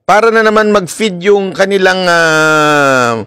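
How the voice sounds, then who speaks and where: High-voiced animated Filipino commentator. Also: male voice, slow pace, clean tone, no echo, studio quality. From Philippines. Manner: chatty, animated, laughs often, talks straight to viewers. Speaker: political commentary vlogger. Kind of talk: casual commentary.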